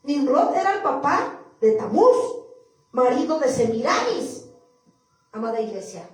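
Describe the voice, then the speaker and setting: A woman with a high voice preaches to her church, reading verses aloud and going over them again for her listeners. Her voice rings through a very reverberant hall and sounds like it was picked up from some way off. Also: big pitch swings, unhurried. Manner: reads scripture aloud, repeats verses, addresses the congregation. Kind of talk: sermon. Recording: echoey hall, far from mic.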